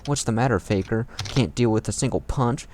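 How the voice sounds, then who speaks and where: A man's voice: medium pitch, a little fast, noisy background, lightly acted. A man voicing an arrogant, taunting hedgehog rival from a video game in an amateur reading. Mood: sneering, hostile. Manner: taunting, snarling.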